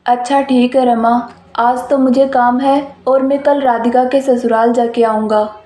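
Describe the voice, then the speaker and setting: A woman voicing an older father who brushes off his wife's worries, in a lowered voice with room echo. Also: little pitch movement, measured pace, dark tone, lightly acted. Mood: dismissive. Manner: soothing, matter-of-fact. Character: elderly father, calm, dismissive of worry. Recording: roomy echo.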